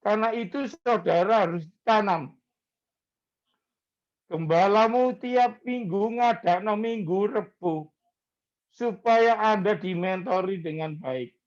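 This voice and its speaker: A male pastor, preaching in a slow, conversational way and mixing in words. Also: high voice, lo-fi sound. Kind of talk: sermon.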